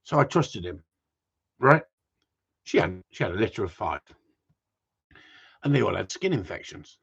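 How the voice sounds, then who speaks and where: The gundog breeder on this dull lo-fi home livestream has a low, gravelly voice with a breathy edge, very animated at a moderate pace. He talks to viewers in a loose, rambling way, swearing freely, jumping between subjects and letting out loud outbursts.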